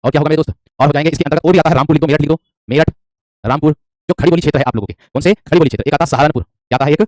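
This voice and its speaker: Fast-talking male Hindi teacher. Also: a little high, darkish tone, dry recording, studio quality. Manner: repetitive, quizzing, calls students "my friend". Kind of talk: online class lecture.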